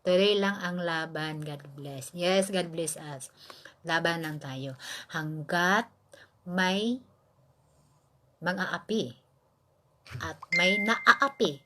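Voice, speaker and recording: A woman's voice: lowish voice, drawn-out words, pauses often, bright, forceful tone, slight background noise. Earnest Filipina woman talking on a livestream. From Philippines. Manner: earnest, emphatic, with frequent rhetorical questions and hesitations. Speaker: livestream host. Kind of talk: casual livestream commentary.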